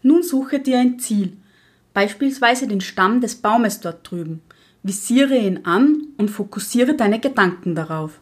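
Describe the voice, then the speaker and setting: A woman's voice: fairly high pitch, animated, measured pace, husky. A woman playing a strict, unflinching witch teacher in an audio drama, giving curt, matter-of-fact instructions. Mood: stern instructing.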